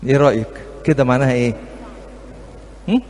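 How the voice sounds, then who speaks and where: Talking fast in a medium-pitched, slightly mellow voice, a middle-aged Egyptian-accented man counsels couples at church on marriage. He's humorous and full of anecdotes, speaking straight to the audience in a reverberant hall with faint background noise.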